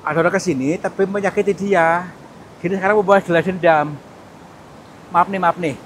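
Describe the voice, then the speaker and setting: A man doing hushed ghost-hunting commentary outdoors, nervous and pleading, repeating words over and over. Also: fairly even intonation, normal speed. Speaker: mystic vlogger. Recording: loud rumbling background noise.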